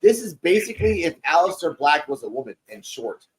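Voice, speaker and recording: A man's voice: fairly high pitch, very animated, fairly quick, breathy edge, rough recording. A man in his forties casually recapping a wrestling show, loose and profane, rambling through the matches. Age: 40s. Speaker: podcast co-host. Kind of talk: casual wrestling review chat.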